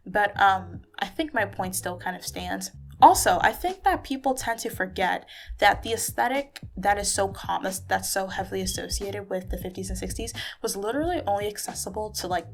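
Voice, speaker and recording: Woman, muffled under a blanket, vocal fry, rambling casual vlog, many fillers. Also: medium pitch. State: tired. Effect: muffled, recorded under a blanket. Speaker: YouTuber. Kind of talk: casual talking-head vlog.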